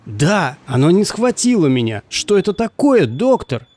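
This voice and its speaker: A man voicing a frightened male kitchen worker with a hoarse voice, raised in pitch. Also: very animated, normal speed, darkish tone. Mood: panicked.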